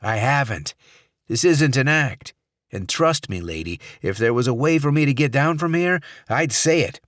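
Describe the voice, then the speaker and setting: A man's voice: mid-range voice, lively intonation, normal speed, fairly bright tone, dry recording, clean studio sound, pitched above the performer's own voice, close to an everyday voice. A man playing a strained, defiant hostage senator. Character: desperate defiant male senator held hostage.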